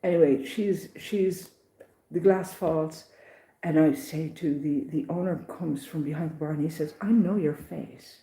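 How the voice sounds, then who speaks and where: A woman recounting her pilgrimage day in a casual, animated vlog, with many restarts and acted-out voices. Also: deep voice, a little slow, roomy sound, low-quality recording. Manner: animated, acts out others' voices, restarts often. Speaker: pilgrim vlogger.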